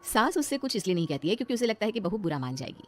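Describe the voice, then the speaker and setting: A woman narrating a comic family skit in a brisk, storytelling manner. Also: mid-range voice, big pitch swings, soft background music. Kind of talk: scripted narration.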